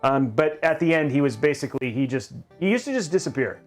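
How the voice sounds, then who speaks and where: A man's voice: mid-range voice, animated, fast talker, soft background music. A middle-aged man hosting a live stream, chatting casually and rambling, often restarting his sentences as he reads viewer questions. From grew up in Japan. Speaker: livestream host.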